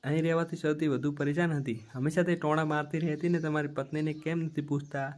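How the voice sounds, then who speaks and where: Guy doing an angry sister, accusing, voice pushed up high and loud. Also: little pitch movement, fast talker, lightly acted. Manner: sharp, accusing. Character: angry young woman, sister accusing her brother's wife.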